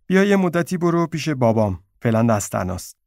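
A man's voice: mid-range voice, big pitch swings, creaky, a little mellow, no room sound, studio quality. A man voicing a blunt, bossy young man in a story he reads aloud. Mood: curt.

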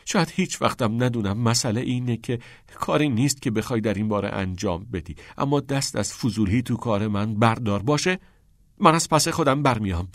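A man's voice: medium pitch, expressive, dry recording, clean studio sound, lightly acted. A man voicing a shy, defensive teenage schoolboy who grows reluctant and then flares up, in an audiobook reading. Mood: angry.

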